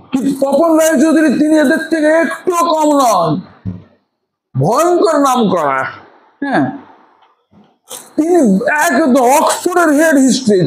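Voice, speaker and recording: A man's voice: very high-pitched, slight background noise, low-quality recording. A middle-aged man tutoring students in an informal lecture. He talks emphatically, repeats words for stress and makes chatty asides. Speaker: English tutor.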